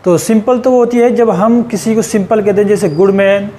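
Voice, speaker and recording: A man teaching English grammar in a patient, explanatory way, repeating and rephrasing points and slowing down to spell out English example sentences. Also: high-pitched, steady tone, dark tone. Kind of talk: explanatory lesson.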